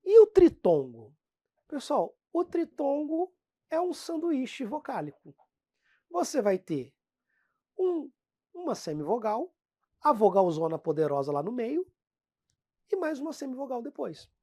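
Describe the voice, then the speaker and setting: Brazilian lady teacher explaining grammar, slow and lively up and down voice, dry close sound. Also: high voice, no room sound. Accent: Brazilian Portuguese. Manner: lively, talks to the class as "pessoal", drags out example words slowly. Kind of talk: classroom lesson explaining phonetics.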